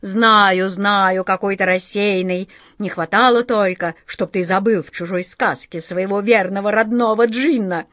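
Brief: woman reading as wheedling devoted genie, fussy, higher and louder. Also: takes it slowly, no echo, clean studio sound. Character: fussy, fawning male genie servant.

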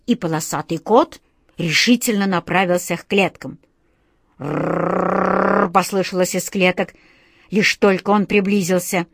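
A woman narrating a children's audiobook in an expressive storytelling manner. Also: fairly low pitch, moderate pace, no echo, clean studio sound.

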